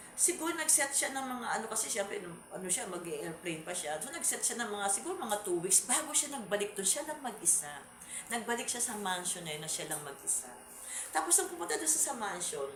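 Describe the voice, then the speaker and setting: A woman vlogger telling a horror story in a casual, rambling way, repeating words and restarting. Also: mid-range voice. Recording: echoey room.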